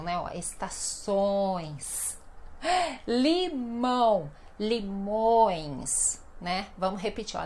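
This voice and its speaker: A woman with a Brazilian Portuguese accent, teaching an online language lesson in a chatty, playful way and drawing out example words slowly. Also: fairly high pitch.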